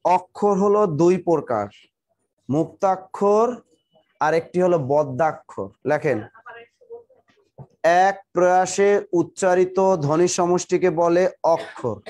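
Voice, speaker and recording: A man with a high-pitched voice teaches a live online class and dictates the same definition again and again. He keeps telling students to write quickly and greets viewers by name as they join. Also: animated, darkish tone. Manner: repeats definitions slowly for students to write down, urging them to hurry; talks to viewers directly, greeting them by name and district. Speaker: exam-prep teacher.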